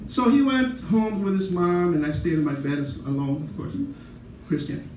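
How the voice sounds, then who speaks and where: An older man with a Mexican-American accent works a comedy club stage, rambling through self-deprecating stories and tossing asides to the crowd. His voice sits on the high side for a man. The sound is roomy and distant, with a faint hum of the club behind him. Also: expressive, normal speed, a little mellow. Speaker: stand-up comedian. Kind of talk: stand-up comedy set. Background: audience laughter.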